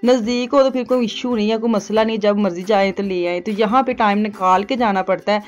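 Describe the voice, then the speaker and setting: Narrating her shopping vlog from home, a middle-aged woman rambles in a homely, chatty voice-over. She speaks fairly quickly at a medium pitch.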